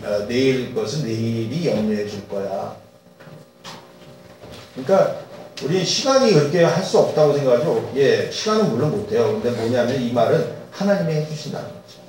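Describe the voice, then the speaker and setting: Male pastor, slightly high voice, expressive sermon delivery, recorded far off in a reverberant church. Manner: animated, rhetorical questions, acts out voices. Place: church sanctuary. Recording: echoey church hall, distant mic.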